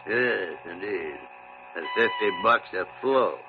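Gruff old doctor with dry wisecracks, lively swooping delivery, 1950s radio drama, muffled broadcast sound. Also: male voice, fairly low pitch, takes it slowly, noisy background. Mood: wry teasing. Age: older. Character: gruff elderly male senior doctor, teasing and sharp-tongued.

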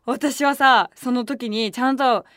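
A woman hosting a radio show, telling stories in a casual, animated and excitable way from a studio microphone. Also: on the high side, a little slow, no echo. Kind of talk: casual solo radio chat.

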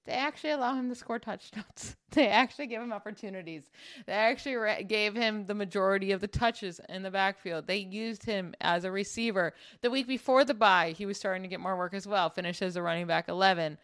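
A woman co-hosting a casual sports podcast, talking in an upbeat, animated way with quick asides. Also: mid-range voice, dry recording, studio quality. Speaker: podcast co-host.

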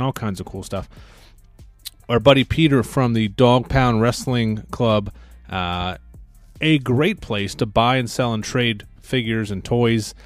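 A man's voice: medium pitch, no room sound. A man hosting a podcast, chatty and upbeat, with many filler words, speaking from a podcast studio. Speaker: podcast host.

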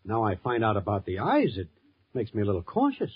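An actor playing a cocky, self-centred boyfriend in an old radio sitcom, with brash wisecracking slang. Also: male voice, fairly low pitch, wildly swooping pitch, a little fast, breathy edge, full character voice. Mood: brash, teasing. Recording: dull, hissy old radio recording.

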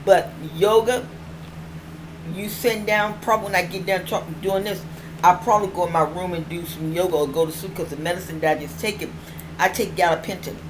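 A middle-aged woman hosts her own online show in a casual vlog chat, rambling and often repeating phrases for emphasis. Her speech is toothless and slightly slurred, her voice fairly low with fairly even intonation, and she talks a little fast. The home recording is clearly noisy.

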